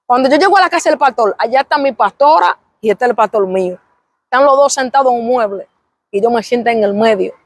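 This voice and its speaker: High-voiced woman giving a fervent testimony. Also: expressive, fast. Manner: fervent, repetitive storytelling with exclamations of praise. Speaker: interview guest. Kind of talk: emotional religious testimony.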